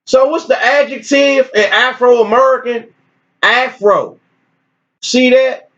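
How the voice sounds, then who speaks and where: A man teaching informally and reading articles aloud with his own commentary, in an animated, preachy way with repeated phrases. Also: extremely high pitch, slow pace. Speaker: religious teacher. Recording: dull lo-fi recording.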